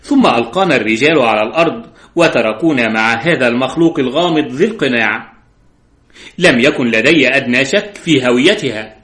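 A man reading a story aloud in a steady, dramatic narration. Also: medium pitch. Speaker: audiobook narrator. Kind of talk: scripted narration. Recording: roomy echo.

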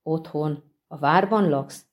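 A woman voicing a grim, weary male monster hunter in an audiobook, speaking tersely and quietly. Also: low voice, close to an everyday voice. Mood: brooding. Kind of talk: audiobook reading.

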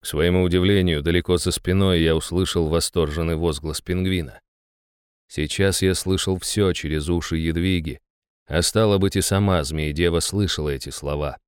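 A man narrating a first-person fantasy audiobook in an even, measured way, close to the mic. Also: low-pitched, clean tone, dry recording.

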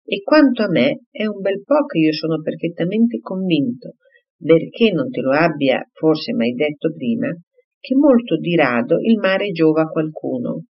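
Reader putting on a fussy old dad, frets over everything, a bit higher, kinda muffled audio. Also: male voice, expressive, unhurried, husky, exaggerated voice. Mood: fretful. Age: older. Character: fussy anxious elderly father, fretful and doting. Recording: slightly muffled recording.

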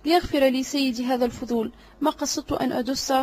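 A woman voicing a cunning, flattering male servant in an audiobook drama reading, obsequious and sly. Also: sits high, fast talker, slight background noise, natural voice.

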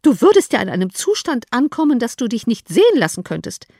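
A woman reading an audiobook, voicing a fussy, excitable middle-aged mother who talks shrilly and insistently. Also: on the high side, fairly quick, dry recording, studio quality. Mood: scolding.

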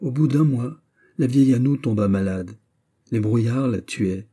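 A male narrator reads a classic novel aloud in audiobook style. His voice is deep in color, very dark and mellow, with a husky grain. He reads expressively and raises his voice on exclamations. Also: moderate pace.

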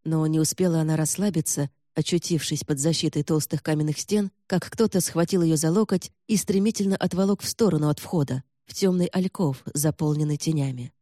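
A man reads fantasy fiction aloud in a steady, even way, the voice dark and mellow. The recording is close and dry with no room around it. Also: fairly high pitch, a little fast, hardly any pauses, no room sound. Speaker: audiobook narrator. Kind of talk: scripted fantasy narration.

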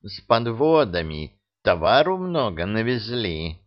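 Flustered timid bat, read by a man, apologetic, unhurried, lo-fi audiobook. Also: lowish voice, very animated. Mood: sheepish. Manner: sheepish, apologetic.

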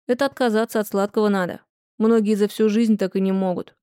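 A woman voicing a calm, thoughtful young man who reasons patiently. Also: mid-range voice, fairly quick, smooth, no room sound, studio quality, natural voice.

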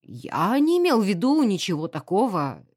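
A woman's voice: medium pitch, huge pitch swings, moderate pace, a little mellow, no echo, studio quality. A woman voicing a timid, flustered male village vicar who speaks hesitantly and apologetically, in an audiobook.

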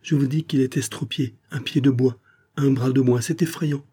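A man's voice: medium pitch, steady tone, normal speed, warm tone, slightly rough, pitched above the performer's own voice, lightly acted. A man voicing a distraught young woman who pleads anxiously for help finding her missing father. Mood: pleading, distressed.

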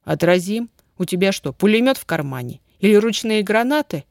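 A woman's voice: medium pitch, animated, normal speed, creaky, a little mellow, no echo, clean studio sound. A woman voicing a cautious teenage boy who grumbles and mocks. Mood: sceptical. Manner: grumbling, mocking. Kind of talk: audiobook character reading.

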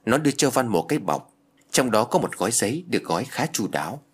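A man narrating a ghost story with a dramatic, expressive reading. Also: mid-range voice, fast, slightly rough.

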